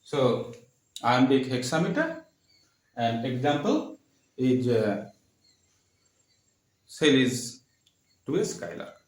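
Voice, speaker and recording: A man teaching a literature lesson, speaking haltingly, with frequent fillers and repeated terms. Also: mid-range voice, very animated. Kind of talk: classroom lecture. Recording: echoey room.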